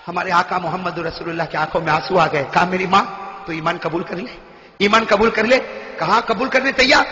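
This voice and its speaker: A man preaching an emotional religious sermon, acting out the story's dialogue and building up to passionate shouts. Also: high voice, brisk, a little hiss or hum. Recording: echoey hall, dull lo-fi sound.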